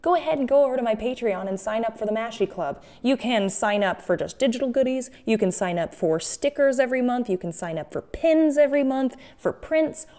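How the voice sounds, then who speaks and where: A woman's voice: fairly high pitch, lively intonation, fairly quick, hardly any pauses, mellow. A woman hosting a casual craft video, chatting in a playful, jokey, self-mocking way. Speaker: host of an art-making video series.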